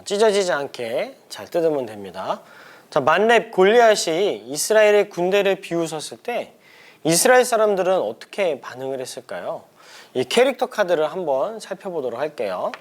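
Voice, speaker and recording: A young man from a church school leading a children's craft lesson, asking questions and exclaiming playfully. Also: a little high.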